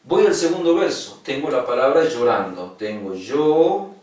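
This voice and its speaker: A man's voice: mid-range voice, lively intonation, normal speed, a little mellow, recorded from a distance. A male secondary school teacher, patiently giving an online lesson on poetic meter, repeating key words and checking that his students follow. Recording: echoey room, voice from off-mic.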